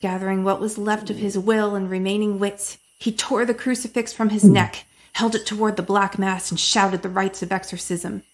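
A woman narrating a dramatic horror story from a script, often dropping into hushed whispers. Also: mid-range voice, steady tone, moderate pace, few pauses.

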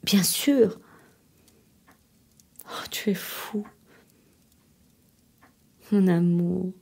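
A woman's voice: on the low side, fairly even intonation, extremely slow, gravelly, a little mellow, husky, exaggerated voice. An actress reading a theatre monologue as a desperate woman pleading on the phone with her departing lover, often sinking to a trembling whisper. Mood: tender, heartbroken.

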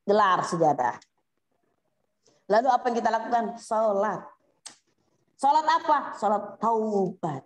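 A woman's voice: medium pitch, lively intonation, unhurried, long pauses. A woman teaching a study circle for mothers, asking them questions and acting out heartfelt prayers. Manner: addresses listeners as Bunda, asks questions. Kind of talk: Islamic study circle talk. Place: women's study gathering.

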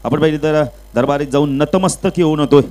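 Excitable male cricket commentator, fairly high voice. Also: quick pace, low-quality recording. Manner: surges louder and higher on runs and wickets, calmer between balls; mixes English cricket terms into his talk. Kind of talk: live play-by-play commentary. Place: outdoor local cricket ground.

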